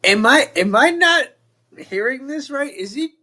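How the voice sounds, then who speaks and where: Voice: high-pitched, animated, measured pace, bright, forceful tone. A reaction host commenting casually and informally on a video, with slang and swearing.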